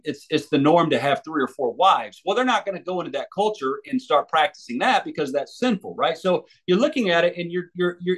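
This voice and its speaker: American evangelist, male, fairly high voice, earnest halting answers. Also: a bit bright. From United States. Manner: thoughtful, with many restarts and fillers. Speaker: evangelist and author. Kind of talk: interview answers.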